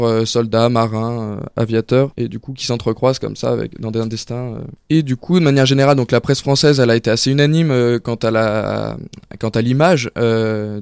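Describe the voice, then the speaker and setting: A man gives a radio segment from a dry studio. His voice is clear and smooth at a middle pitch. He talks in a halting way, filling pauses and restarting his phrases. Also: a little mellow, no room sound. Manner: halting, many fillers and restarts. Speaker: student columnist.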